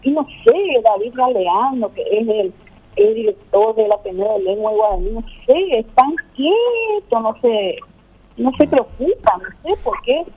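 A woman's voice: fairly high pitch, very animated, a little slow, breathy edge. An older woman, a gastronomy researcher and teacher, rambling and repeating herself in a casual phone interview. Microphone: telephone. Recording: tinny phone line.

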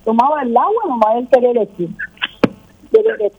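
Older woman, rambling interview guest, husky and a bit high, over a tinny phone line. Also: big pitch swings, normal speed. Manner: rambling, repeats herself, many fillers. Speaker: gastronomy researcher and teacher, interview guest. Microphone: telephone.

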